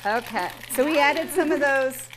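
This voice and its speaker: Middle-aged woman, higher voice, casual cooking host, chatty and laughing, faint background noise. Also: moderate pace. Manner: chatty, instructional, laughs often. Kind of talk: casual cooking demo with family.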